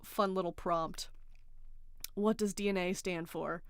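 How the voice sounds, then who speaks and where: A woman hosting a livestream in casual chat, sarcastic and animated, reading out chat comments. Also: lowish voice, measured pace, smooth, dry recording. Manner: animated, sarcastic, reads chat aloud, swears and laughs. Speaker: livestream host.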